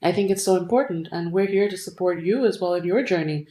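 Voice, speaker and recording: A woman's voice: fairly low pitch, fast, roomy sound. A woman who grew up in India, a workshop facilitator, chatting casually and joking about herself with frequent laughter. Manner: warm, self-mocking, laughs often. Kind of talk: casual chat.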